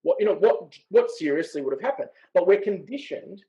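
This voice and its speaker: A man, making his case in a measured but emphatic way in a casual panel discussion. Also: sits high, lively intonation, mellow, dull audio. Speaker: podcast panelist.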